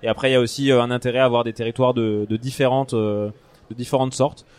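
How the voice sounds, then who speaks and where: A man's voice: mid-range voice, little pitch movement, fast, darkish tone, clean tone. A man giving a casual board game review as a podcast panelist, searching for his words as he explains.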